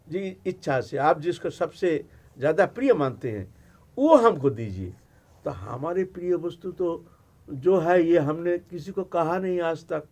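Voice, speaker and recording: A man's voice: fairly high pitch, darkish tone. A man voicing a troubled, secretive male god in a retold religious story, fretting and repeating himself. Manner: fretful, insistent repetition.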